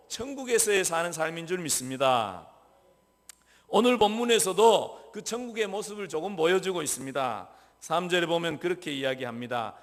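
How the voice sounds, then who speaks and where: A man pastor preaching a sermon in a church, questioning the congregation and answering himself, dropping from loud emphasis to soft asides. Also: high voice. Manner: swings between loud emphasis and soft, near-whispered asides. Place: church sanctuary. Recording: long reverb of a church hall.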